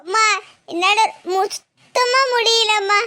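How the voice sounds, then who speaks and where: A woman voicing a high, whimpering young wife in pain. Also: steady tone, no room sound, heavily acted. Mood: pleading. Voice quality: very high, bright, childlike.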